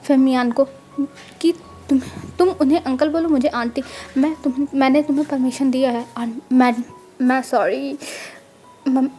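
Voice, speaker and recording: Brief: woman storyteller playing a protective stepmother in a spoken storybook, gentle and reassuring. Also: sits high, fairly even intonation, unhurried, long pauses, soft background music. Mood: soothing. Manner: soothing, reassuring. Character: loving protective motherly woman, soothing.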